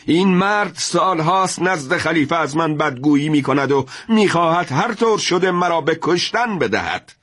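A man voicing a furious, proud male army general who shouts in wrath, in a told story. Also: medium pitch, expressive, voice pushed up, natural voice.

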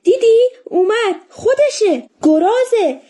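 Lady putting on a cheeky young soldier guy, mocking and playful, high voice, storybook reading. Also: animated, dark tone. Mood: scared. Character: teasing young male bulldozer driver, joker.

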